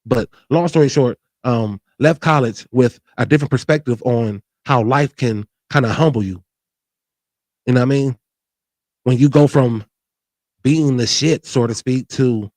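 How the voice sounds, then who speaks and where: A man's voice: mid-range voice, darkish tone, no echo. A man in his forties talking candidly and earnestly about his own life, often restarting and adding "you know what I mean". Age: 40s. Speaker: show host. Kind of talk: candid personal talk.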